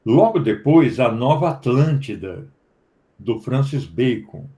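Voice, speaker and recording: Brazilian male professor, mid-pitched, warm, lecturing to a study group, explanatory. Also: expressive, slow. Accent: Brazilian Portuguese. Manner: explanatory, lecturing with tag questions. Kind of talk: academic discussion.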